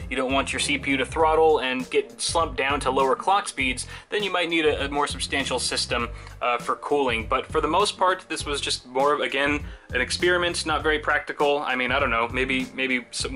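A man's voice: mid-range voice, pushed and bright. A man around thirty narrating a casual tech vlog with a wry, tongue-in-cheek streak. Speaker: tech video host. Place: indoor room at home with computers.

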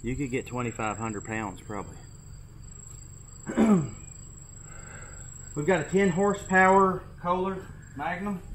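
A man's voice: a little high, measured pace, long pauses, fairly bright tone, a little hiss or hum. A man with a Kentucky accent, a tobacco farmer, explaining how his barn was built in a practical, detailed way as he walks through it. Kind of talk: casual explanatory walkthrough. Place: outdoors in an open tobacco barn.

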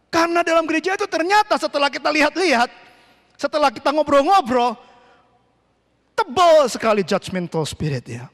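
High-voiced pastor shouting in a reverberant hall. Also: male voice, sing-song, normal speed. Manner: preaching with sudden shouts, mixing in English phrases. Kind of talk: sermon. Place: church hall. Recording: long church hall reverb.

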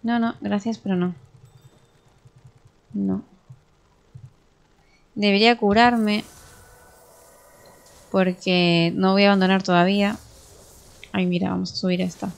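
A young woman with a Spain Spanish accent commentating her own gameplay, excitable, swearing and talking to herself as she plays. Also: medium pitch, slow pace, vocal fry, pauses often. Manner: excitable, swears and talks to herself while playing. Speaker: gaming streamer.

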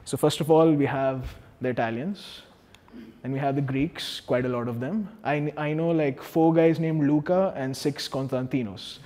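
A man's voice: medium pitch, steady tone, moderate pace, dark tone. A man in his thirties with an Indian accent, giving a chatty, self-deprecating talk on stage in a large hall, wearing a lapel mic, with many restarts. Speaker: speaker at a public talk. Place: large dark hall with a projector screen. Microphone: small lapel mic. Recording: long hall reverb.

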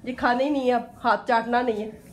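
A woman's voice: on the high side, steady tone, fairly quick, slight background noise. A woman with a Pakistani Urdu accent, playfully teasing a toddler in a sing-song voice while filming a home vlog. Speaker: vlogger. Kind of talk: playful baby-talk narration to a child. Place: home during a power cut.

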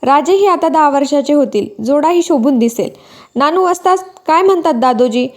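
High-voiced woman reading a novel aloud. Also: expressive, normal speed. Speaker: novel reader.

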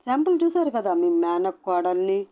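A woman's voice: medium pitch, big pitch swings, moderate pace, lightly acted. A woman voicing a fierce young wife who scolds bluntly and confronts her family in a storybook reading. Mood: confrontational. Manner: sharp, scolding.

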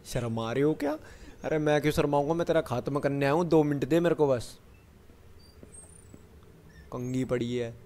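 A man's voice: on the high side, moderate pace, pauses often, dark tone, a little hiss or hum. A man giving running commentary on a horror game, chatting to himself and the viewer and breaking into panicky bursts when the enemy shows up. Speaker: gamer.

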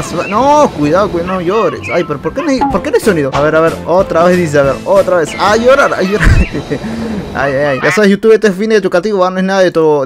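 A man giving excitable, rambling gameplay commentary, laughing often. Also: high voice. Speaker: YouTuber. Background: game music.

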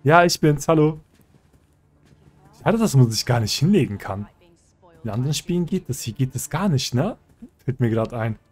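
Casting: Let's-Player, Mann, locker und verspielt, redet mit Spielfiguren. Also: male voice, mid-range voice, lively intonation, normal speed, pauses often, darkish tone, husky, faint music behind. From German-speaking country. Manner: chatty and joking, talks to game characters. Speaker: let's play host. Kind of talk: casual gameplay commentary.

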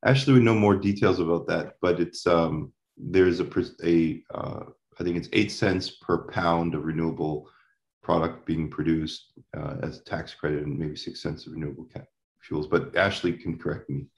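A man in his thirties, a consultant, answering panel questions over a video call in halting sentences with many restarts. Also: deep voice, steady tone. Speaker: forestry consultant. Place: home room. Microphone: laptop webcam video call. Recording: echoey, dull video-call audio.

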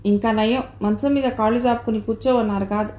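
A woman's voice: on the high side, fairly even intonation, quick pace, warm tone, close to an everyday voice. A woman reading aloud voices a poor, proud young mother who speaks sharply and sarcastically. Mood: bitter. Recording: roomy echo.

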